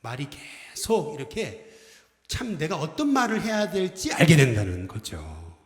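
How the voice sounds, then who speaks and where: The voice is on the high side and unhurried: a middle-aged man preaching as senior pastor on Sunday. Lively, he acts out quoted phrases and draws the congregation into call-and-response greetings, his words echoing through the sanctuary with long reverb.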